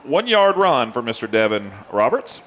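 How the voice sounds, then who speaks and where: A man calling high school football play by play, winded, laughing and chatty. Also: moderate pace, a little hiss or hum. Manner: excitable, laughs often, chatty. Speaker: play-by-play announcer.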